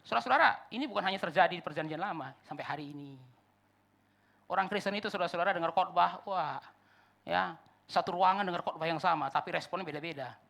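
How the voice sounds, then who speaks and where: A male pastor preaching an expository sermon at a church service, animated and addressing the congregation directly. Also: high voice, fast, creaky. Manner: animated preaching, acts out listeners' replies; addresses congregation repeatedly as "saudara-saudara".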